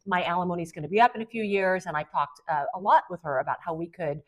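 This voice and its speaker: A fast-talking woman with a voice on the low side, in her fifties, joins a podcast as a guest; she's an Amazon influencer. In relaxed conversation she rambles through stories and fills gaps with lots of fillers.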